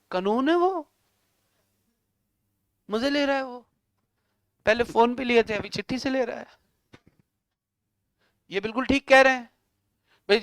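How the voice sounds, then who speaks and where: Male lecturer, high clear voice, dry close sound, lively teasing classroom talk. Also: no echo. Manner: animated, teasing, scolds students in coarse slang. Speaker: law teacher.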